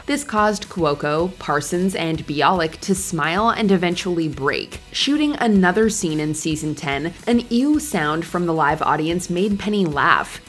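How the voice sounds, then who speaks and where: A woman reading scripted countdown narration in a clear, measured presenter style. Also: on the low side, animated, over loud music.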